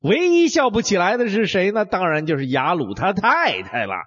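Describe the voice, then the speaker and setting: Animated husky male storyteller. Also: high-pitched, normal speed. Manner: animated, swings between whispers and exclamations. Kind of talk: dramatic Bible storytelling. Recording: dull lo-fi recording.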